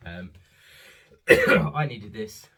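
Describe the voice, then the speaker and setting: A man's voice: lowish voice, lively intonation, drawn-out words, sharp tone. Chatty man rambling at home. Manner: chatty, rambling, frequent ums. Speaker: father showing holiday purchases. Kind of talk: casual haul vlog.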